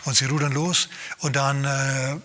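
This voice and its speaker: A male pastor preaching a lively, emphatic sermon, acting out scenes as he goes. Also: mid-range voice, a little slow.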